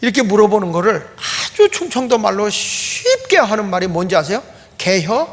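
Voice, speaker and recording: Middle-aged male pastor, high voice, plain repetitive sermon delivery, church hall reverb. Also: very animated, a little fast. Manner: plain, explanatory preaching with repeated emphatic phrasing. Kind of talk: Sunday sermon. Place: church sanctuary.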